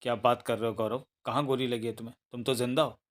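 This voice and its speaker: A man's voice: mid-range voice, level tone, quick pace, close to an everyday voice. A man voicing a frightened young wife pleading with her husband in a read-aloud novel. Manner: panicked pleading.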